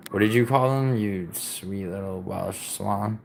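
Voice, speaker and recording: An unhurried, gravelly, lowish male voice comes through with a slight hiss or hum. The speaker, raised in New York after being born in Italy, chats casually on a live stream, replying to viewers' messages with rambling profanity, fillers and restarts.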